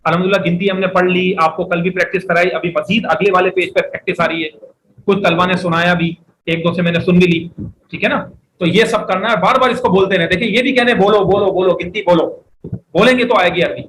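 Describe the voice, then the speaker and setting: Male classroom teacher with a high, bright voice. Explains step by step and quizzes the room. Faint background noise. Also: fairly even intonation, poor audio. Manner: explains step by step, often asks the class questions; reads Arabic phrases slowly for students to repeat. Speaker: Arabic teacher. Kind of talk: classroom lecture.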